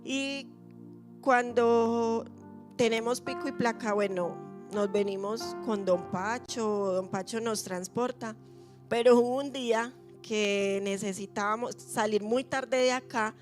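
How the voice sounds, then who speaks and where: A woman pastor preaching a sermon, telling a story with lively acted-out quotes. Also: fairly high pitch, takes it slowly, over music. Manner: lively storyteller acting out her own quoted fears. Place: church.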